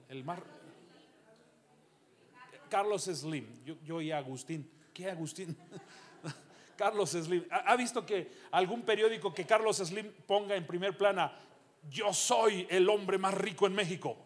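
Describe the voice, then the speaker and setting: High-voiced pastor preaching. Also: male voice, lively intonation, unhurried. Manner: rhetorical questions to the congregation, swinging from loud calls to low asides. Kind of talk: sermon. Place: church.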